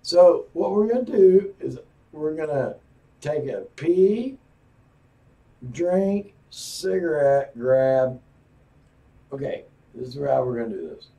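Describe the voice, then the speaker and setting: A man hosting a solo podcast, talking in a profane, meandering way with loud outbursts, and sounding a little tipsy. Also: on the high side, lively intonation, slow pace, vocal fry, pauses often. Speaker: podcast host. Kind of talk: rambling solo podcast talk. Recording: voice a bit far from the mic.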